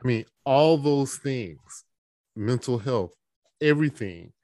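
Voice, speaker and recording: A man's voice: medium pitch, animated, slow pace, mellow, dry recording. A man co-hosting a podcast, chatting casually and making his points earnestly. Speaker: podcast co-host.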